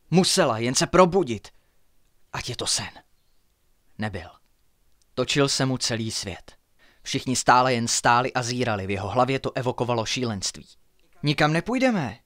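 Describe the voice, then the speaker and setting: Man, author reading a bedtime horror story, hushed and suspenseful, mid-pitched voice. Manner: hushed, suspenseful, drops to near-whispers.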